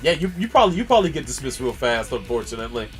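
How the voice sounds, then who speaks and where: A man hosting a casual game stream, chatting excitedly and reading viewer messages aloud. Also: mid-range voice, racing, soft background music. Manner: excitable, reads chat aloud. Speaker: streamer host.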